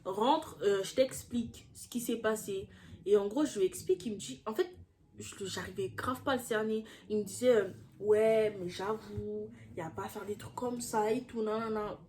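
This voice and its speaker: A young woman telling a personal story in a casual, slangy way, getting heated and throwing in quick asides. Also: medium pitch, a little mellow.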